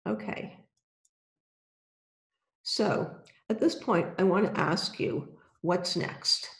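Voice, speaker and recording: A health coach giving an instructional wellness presentation, speaking deliberately and directly to the listener. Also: mid-range voice, fairly bright tone. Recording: roomy, echoey sound.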